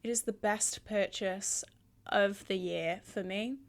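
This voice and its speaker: A woman's voice: mid-range voice, steady tone, takes it slowly. A woman in her twenties chatting casually as a beauty vlogger, with a bubbly, enthusiastic, rambling manner.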